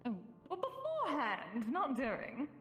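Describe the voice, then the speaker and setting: A woman's voice: high voice, huge pitch swings, measured pace, a bit bright, soft background music. A woman chatting playfully in a group role-play, in an echoey space.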